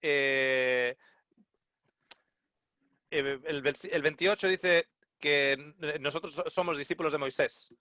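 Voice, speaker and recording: A man with a Spain Spanish accent teaching a group Bible seminar, lively, repeating his words and calling on participants by name. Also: on the high side, slow pace, pauses often, dry recording, studio quality.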